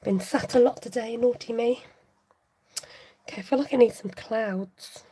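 A woman's voice: a little high, moderate pace, warm tone, breathy edge. A woman hosting a live craft tutorial, chatting casually to her viewers while she works.

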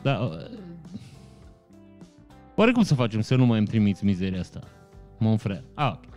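A man's voice: on the low side, sing-song, darkish tone, highs cut off, soft background music. A man hosting a casual live stream, greeting viewers by name and answering chat comments with frequent laughs. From Romania.

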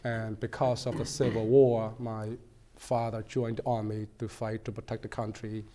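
A man in his forties, born in Cambodia, telling his story as a guest in a TV studio interview, earnest and measured with frequent ums. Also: lowish voice, little pitch movement, warm tone. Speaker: guest, political candidate. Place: small TV studio set.

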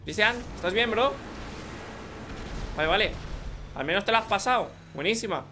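Excitable young Spanish man, high bright voice, gaming commentary over faint background noise. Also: moderate pace. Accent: Spanish from Spain. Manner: excitable, joking, talks to teammates. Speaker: gaming YouTuber. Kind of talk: live gameplay commentary.

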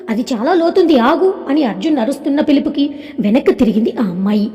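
A woman reading a scripted story aloud in a calm, even storytelling manner, with a long echoing reverb. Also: sits high.

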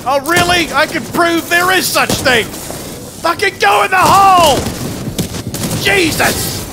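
Man doing a high-pitched, foul-mouthed drill sergeant. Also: unhurried, creaky, exaggerated voice. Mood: frantic, barking. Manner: barking orders, swearing, strained. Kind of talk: improvised in-game role-play over voice chat. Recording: voice over loud game battle noise.

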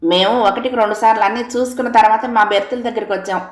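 A woman doing a hot-tempered shouting man. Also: fairly high pitch, fairly even intonation, quick pace, reverberant, pitched above the performer's own voice, lightly acted. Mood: irritated. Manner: loud, combative, raised voice. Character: quarrelsome middle-aged man on a train, hot-tempered.

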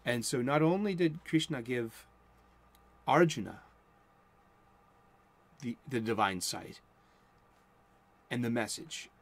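Speaking slowly and pausing often, the host uses a medium-pitched voice. He's a man in his forties with a Boston accent, giving a casual sermon from a cluttered home room. He rambles and interrupts himself, and when excited he mumbles and speeds up.

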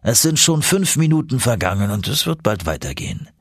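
A man voicing a calm, confident older professor who speaks slowly and evenly. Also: slightly rough, no room sound, clean studio sound. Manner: slow, low, unruffled.

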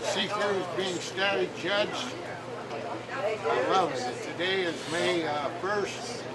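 Slow-talking man on old camcorder audio. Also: high-pitched, fairly even intonation, over a noisy crowd. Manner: slow, halting, with many fillers. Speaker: aircraft owner. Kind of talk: casual remarks to the camera. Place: outdoors at an airfield event.

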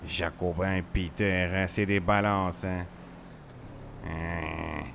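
Man doing touchy grumbling role-play guy, low voice, tags a questioning word onto every phrase, faint hiss behind. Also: steady tone, slow pace, vocal fry, fairly bright tone, full character voice. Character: touchy, grumbling man who feels picked on. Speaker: streamer playing a role-play character.

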